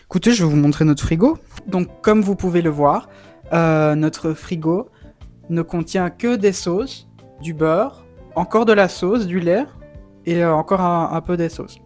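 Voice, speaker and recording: A man's voice: high-pitched, measured pace, darkish tone. Young man, campy drag queen delivery, playful theatrics, casual vlog chat, music behind. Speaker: drag performer and vlogger.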